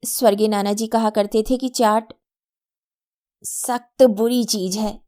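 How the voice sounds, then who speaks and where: Brief: narrator voicing a prim, scolding mother with a biting edge, unhurried. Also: a little high, fairly even intonation, warm tone, natural voice. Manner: scolding, sarcastic. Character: strict, sharp-tongued elder sister and mother.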